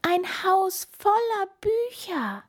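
A woman putting on a squeaky little storybook mouse. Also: big pitch swings, takes it slowly, full character voice. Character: tiny timid female mouse, squeaky.

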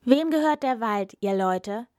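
A woman's voice: on the high side, expressive, unhurried, darkish tone, no room sound, clean studio sound. Woman doing a cunning talking cat. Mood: commanding. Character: clever flattering male talking cat.

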